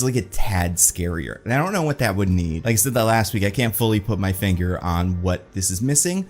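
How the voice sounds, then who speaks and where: A man giving a casual, chatty review of a TV episode, animated and full of "like" fillers. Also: lowish voice.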